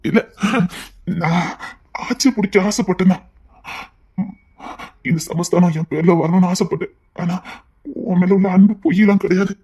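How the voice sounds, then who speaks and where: An actor playing a middle-aged uncle in a TV serial, tender and pleading, who keeps repeating endearments. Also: male voice, sits high, fairly even intonation, moderate pace, warm tone, husky. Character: doting, guilt-ridden middle-aged uncle. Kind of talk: TV serial acting.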